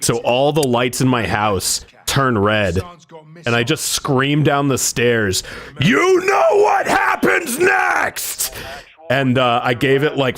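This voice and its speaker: A man hosting a casual game stream, telling rambling stories full of fillers and swearing. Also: medium pitch. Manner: rambling storyteller, heavy on "like" and swearing. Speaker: streamer host. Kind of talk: casual gaming stream chat.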